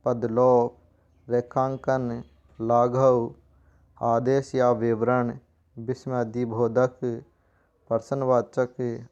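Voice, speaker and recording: A man teaching a grammar lesson, explaining slowly and reading out example sentences. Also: mid-range voice, smooth. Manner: slow, even explaining with spoken examples. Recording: dull lo-fi sound.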